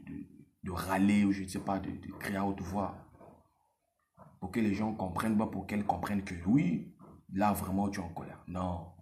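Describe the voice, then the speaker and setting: A man giving casual dating advice straight to the viewer, repeating himself and using street slang. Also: low-pitched. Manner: animated, repetitive, street slang, addresses viewer directly.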